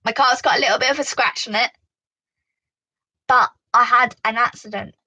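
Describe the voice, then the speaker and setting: A woman with a British accent telling a driving story to camera in a casual, animated way, full of "like" and "you know.". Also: on the high side, moderate pace, no room sound, muffled recording. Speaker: vlogger giving driving advice.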